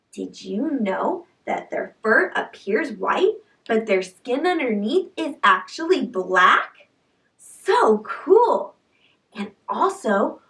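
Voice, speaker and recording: A woman's voice: fairly high pitch, creaky, fairly bright tone, recorded from a distance. A woman hosting a children's learning video, telling a story in an upbeat, enthusiastic way. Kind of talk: children's educational narration.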